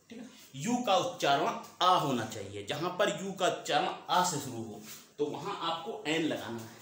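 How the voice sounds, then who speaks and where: A man's voice: a little high, a bit bright. A man teaching a class, repeating each point and asking and answering his own questions. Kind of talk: classroom lesson. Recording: very echoey room, faint noise.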